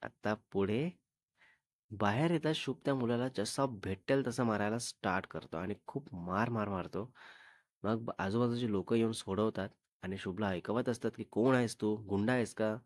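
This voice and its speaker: Male storyteller, low voice, conversational narration, close dry recording. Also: normal speed, no room sound. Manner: conversational, with exclamatory asides.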